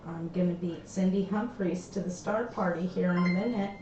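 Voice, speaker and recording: A woman hosting a casual livestream from her craft room, chatting slowly and trailing off, her voice hollow and tinny like inside a tin can. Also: fairly low pitch, mellow. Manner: slow, chatty, trailing off mid-sentence. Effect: hollow tinny sound, like inside a tin can. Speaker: livestream host. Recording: echoey, dull lo-fi stream audio with faint background noise.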